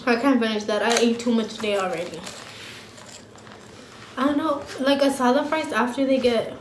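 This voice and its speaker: A woman's voice: on the high side, normal speed, a little hiss or hum. A young woman vlogger chatting casually while eating, blunt and slangy, laughing easily. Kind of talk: casual mukbang chat. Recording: roomy home sound with faint ambience.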